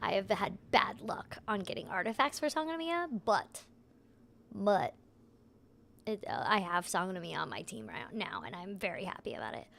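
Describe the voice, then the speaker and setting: A young woman who voice acts is streaming gameplay and chatting casually, her voice hoarse, soft, and unable to project because she's losing it. Mid-range and sing-song at a normal speed, with a little hiss or hum, she rambles through explanations full of "like" and "right?"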